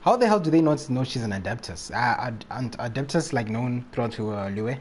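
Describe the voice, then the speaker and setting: A man with a mid-range voice and lively intonation talks a little fast while streaming a game, joking around, chuckling a lot and reacting in slangy, loose phrases. Faint background noise and game audio can be heard.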